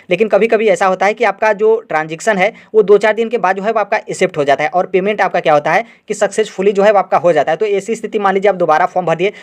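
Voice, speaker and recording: A man hosting an exam-update video, explaining directly to viewers in a rapid, repetitive way full of fillers. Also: high-pitched.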